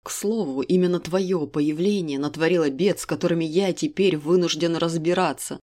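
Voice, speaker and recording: A woman voicing a grim, furious king who talks in a low, cold, clipped way in an audiobook. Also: normal speed, warm tone, close to an everyday voice. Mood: angry. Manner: low, icy, clipped delivery.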